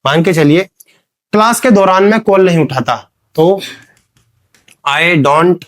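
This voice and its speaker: A man's voice: high-pitched, animated, takes it slowly. A man with an Indian accent teaching an English grammar lesson, explaining in Hindi, giving English examples and quizzing his students as he goes. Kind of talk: classroom lesson.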